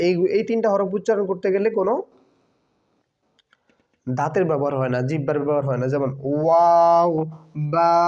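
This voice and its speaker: A man teaching a Quran tajweed class online, patiently drilling Arabic letters and vowel marks, repeating each sound slowly for students to follow. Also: sits high, warm tone. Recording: dull lo-fi sound.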